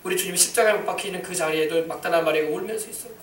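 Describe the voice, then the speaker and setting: A man preaching a sermon as pastor of a church, emphatic, breaking into shouted commands. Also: sits high, rapid-fire, echoey room, recorded from a distance.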